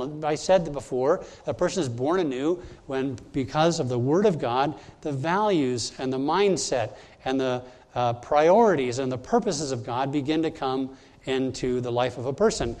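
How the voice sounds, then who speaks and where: A pastor preaches to his congregation at a church service in a medium-pitched, slightly mellow voice at normal speed. He is emphatic, addressing the people directly and teaching his points one at a time.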